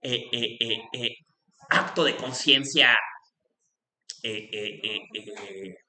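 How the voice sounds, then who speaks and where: A man giving a university philosophy lecture, talking discursively with frequent tag questions, restarts and lively acted-out exclamations. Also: medium pitch, takes it slowly, slight background noise. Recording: echoey room.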